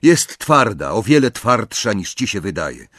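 A man reading an audiobook, voicing a steady, determined teenage boy wizard in a firm, earnest voice. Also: lowish voice, unhurried, no echo, studio quality, exaggerated voice.

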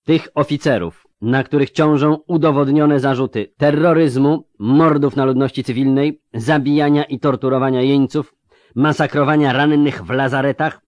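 A man's voice: mid-range voice, fairly even intonation, moderate pace, a little mellow, no echo, pitched above the performer's own voice, lightly acted. A man voicing a stern imperial officer who gives orders in a cold, formal way.

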